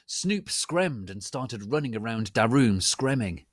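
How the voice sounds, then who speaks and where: A man's voice: mid-range voice, lively intonation, unhurried, no room sound, clean studio sound. A man narrating a dramatic reading of fan fiction in a hammy, theatrical, stagey manner.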